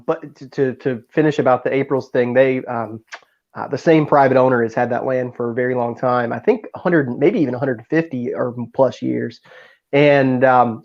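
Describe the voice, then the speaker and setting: A man's voice: mid-range voice, darkish tone. Chatty guy guest on a call, mid voice, dull lo-fi audio, telling stories. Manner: chatty, enthusiastic storyteller. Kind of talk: casual video-call chat. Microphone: video call.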